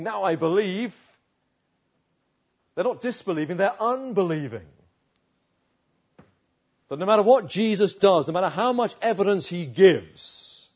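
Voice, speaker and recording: Man, preacher, husky voice, fairly high, swings loud to soft, dull lo-fi sound. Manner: dramatic storytelling, voicing quoted figures, swings from loud emphasis to soft asides. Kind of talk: expository sermon. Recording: dull lo-fi recording.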